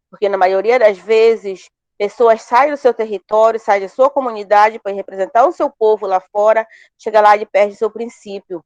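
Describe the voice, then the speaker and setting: A woman's voice: medium pitch, no room sound. A woman from Pará, a family farmer introducing herself in an online class, speaking earnestly and hopefully and often repeating words. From Pará, Brazil. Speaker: course participant, family farmer.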